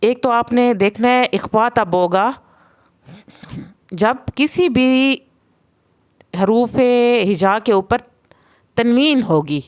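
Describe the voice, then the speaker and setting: A woman whose voice is on the high side teaches Quran recitation online; she spells out each letter sound patiently and slows down to model it.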